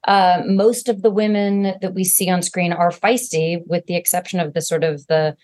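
Woman, fairly low voice, talkative, podcast guest. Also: flat delivery, moderate pace, a little mellow. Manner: enthusiastic, talkative, laughs easily. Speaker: guest history professor. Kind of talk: casual chat.

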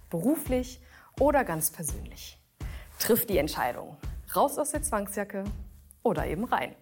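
Podcast-Host, weiblich, junge Erwachsene, eher tiefe Stimme, spricht ihr Publikum direkt an. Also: female voice, lowish voice, slightly rough. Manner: earnest, reflective, addresses listeners directly. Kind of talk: scripted podcast monologue.

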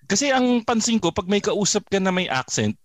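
A man's voice: high-pitched, big pitch swings, brisk, no echo. A man hosting a podcast, asking questions in a joking, casual way. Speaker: podcast host.

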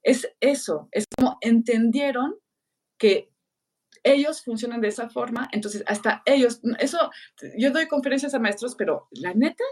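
A woman's voice: a little high, moderate pace, recorded from a distance. A middle-aged woman, chatting in a podcast and telling anecdotes, acting out what others said. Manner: animated storyteller, acts out quoted voices. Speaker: teacher and speaker on learning. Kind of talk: conversational podcast chat with anecdotes.

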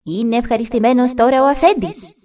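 A woman's voice: on the high side, warm tone, a little hiss or hum, voice pushed up, natural voice. A woman voicing an invisible male servant spirit who speaks sweetly and coaxingly in a storybook reading. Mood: plaintive.

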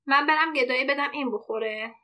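A woman's voice: high voice, sharp tone, voice pushed up. A woman reading a grumbling old villager. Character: irritable older village man.

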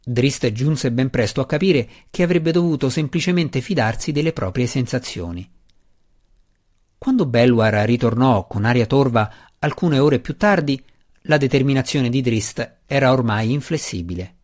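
A man narrating a fantasy audiobook in a steady, expressive reading. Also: mid-range voice, normal speed.

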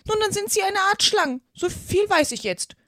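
A woman voicing an outraged female pigeon guarding her eggs in a storybook reading, shrill and scolding. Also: animated, normal speed, fairly bright tone, no room sound, clean studio sound. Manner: shrill, scolding, near-sobbing outbursts. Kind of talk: audiobook character reading.

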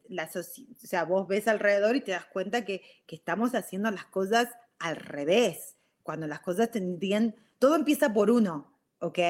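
A middle-aged woman with a Rioplatense Spanish accent, hosting a live stream and chatting casually about personal growth, often ending her points with "ok?". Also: medium pitch. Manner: chatty, frequent "ok?" tags. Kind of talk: casual talk on self-growth.

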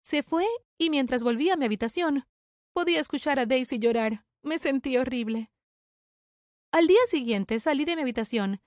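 Brief: young female narrator, first-person confessional drama, high and bright. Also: moderate pace, no room sound, studio quality.

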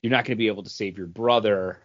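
A podcast co-host chats casually through a comic book review, speaking quickly in a lowish, steady voice. He rambles and repeats phrases while he thinks, and the podcast audio is dull and lo-fi.

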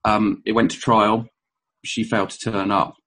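A man gives an informal history talk to a live audience, full of ums and uhs, correcting himself and dropping wry asides. His voice is lowish, level, and a bit bright at a moderate pace, with a little hiss or hum.

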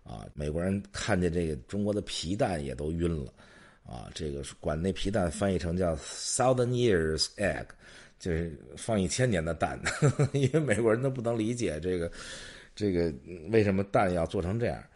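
Low husky male podcast host. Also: animated, moderate pace, darkish tone. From China. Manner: chatty, tells jokes and anecdotes. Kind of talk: casual storytelling chat.

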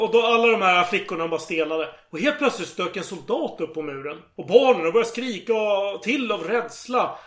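A man casually retelling a story in a podcast chat, animated and acting out the quoted lines. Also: high-pitched, roomy sound.

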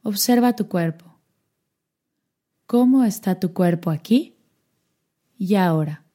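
A woman guiding a meditation, giving soft-spoken instructions with long pauses. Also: mid-range voice, expressive. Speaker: meditation guide. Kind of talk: guided meditation.

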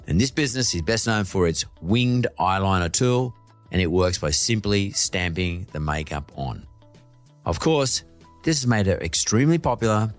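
A man hosting an interview podcast, asking probing follow-up questions. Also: low voice. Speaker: podcast host.

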